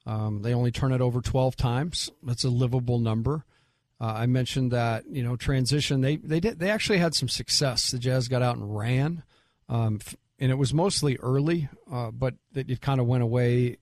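A male basketball analyst talks through the game in a halting way, doubling back on words and leaning on fillers. His voice is mid-pitched. It is recorded close and dry. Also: darkish tone, no room sound. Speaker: coach analyst. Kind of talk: sports analysis.

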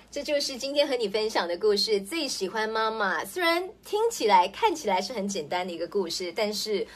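A woman with a Singaporean Mandarin accent hosting a children's story segment, telling it in a bright, animated and playful way. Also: mid-range voice, normal speed, pauses often. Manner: bright, animated and playful, voicing the mother with lively swings.

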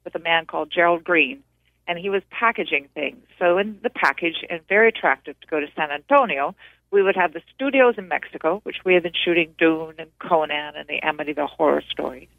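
A woman's voice: low voice, fairly quick, creaky, no echo. A woman film producer, a guest on an interview, recalls her work in a talkative way with frequent restarts, speaking over the phone. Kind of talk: casual interview recollection. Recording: tinny phone line.

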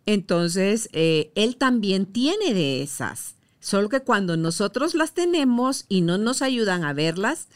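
A woman's voice: medium pitch, very animated, slow, few pauses. A woman hosting a podcast, chatting and affirming her guest with short murmurs. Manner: friendly, affirming with short "ujú". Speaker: podcast host. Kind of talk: casual chat.

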